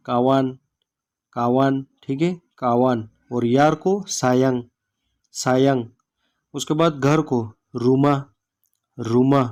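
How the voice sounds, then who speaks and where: Pakistani guy teaching words real slow, says each one a few times then "okay", plain mid voice. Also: medium pitch, a little mellow. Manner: says each word slowly, repeats it, adds "theek hai" after it. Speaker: language teacher. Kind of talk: slow vocabulary lesson.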